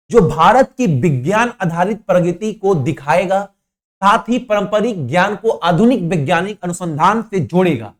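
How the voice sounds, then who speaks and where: A man teaching a current affairs lesson for exam students, stressing and repeating key points and answering his own questions, with informal asides. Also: high voice.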